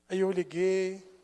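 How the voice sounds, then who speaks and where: A Brazilian man preaching as a pastor, telling a story and swinging between hushed and loud passages. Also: high-pitched. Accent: Brazilian Portuguese. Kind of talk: sermon. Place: church sanctuary. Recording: long church hall reverb.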